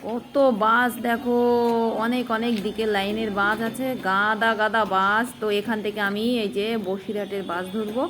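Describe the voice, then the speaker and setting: A woman's voice: mid-range voice, little pitch movement, normal speed, music in the background. A woman vlogging in casual chat, talking to viewers as she travels on buses and walks through town. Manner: chatty, addresses viewers directly. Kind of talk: casual vlog narration. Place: outdoors on buses and streets, then at home.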